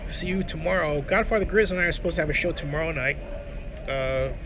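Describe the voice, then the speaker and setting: A man's voice: a little high, quick pace. A man hosting a casual livestream from an airport gate, chatting to viewers in an informal, rambling way. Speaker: livestream host. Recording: loud airport terminal noise.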